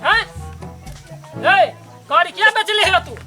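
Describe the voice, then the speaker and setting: A man's voice: very high voice, slow, bright, forceful tone, faint music behind, heavily acted. A man with a Bihari accent playing an angry, scolding old village grandfather in an amateur comedy skit. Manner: scolding, demanding.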